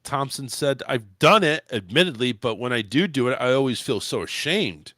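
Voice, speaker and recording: A man's voice: medium pitch, animated, normal speed, bright, forceful tone, no echo, clean studio sound. A man hosting a casual comedy podcast, crude and profane, rambling through celebrity gossip. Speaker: podcast host. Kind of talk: casual comedic chat, recapping celebrity news. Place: home studio in Florida.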